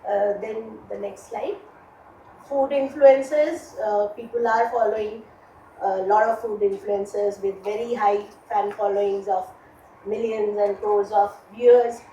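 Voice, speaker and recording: A woman's voice: medium pitch, steady tone, a little slow, warm tone. A woman presenting a group project, hesitant with many fillers. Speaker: course participant presenting. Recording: echoey room, distant mic, faint noise.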